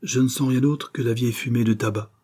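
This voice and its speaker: A man's voice: mid-range voice, steady tone, fast talker, warm tone, slightly rough, voice pushed up, close to an everyday voice. A man reading an eager young sailor-writer. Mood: earnest. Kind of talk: audiobook character reading.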